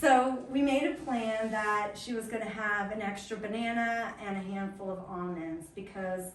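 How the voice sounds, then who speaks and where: A woman's voice: mid-range voice, a little hiss or hum. A woman wellness coach giving an upbeat, chatty talk to a small group at an indoor event. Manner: chatty, upbeat, quick asides. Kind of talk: lively storytelling presentation. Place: indoor event room at a chiropractic office. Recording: echoey room from a distance, faint ambience.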